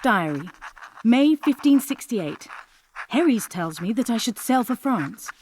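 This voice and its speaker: An actress playing a proud, scheming captive queen, reading her diary and letters dramatically and deliberately in an audiobook. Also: fairly high pitch, sing-song, background noise. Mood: weary, resolved.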